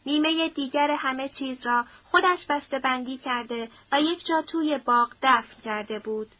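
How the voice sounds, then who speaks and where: A woman narrating a novel as an audiobook in a steady, expressive storytelling manner. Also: high voice, no echo. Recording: dull dry audiobook recording.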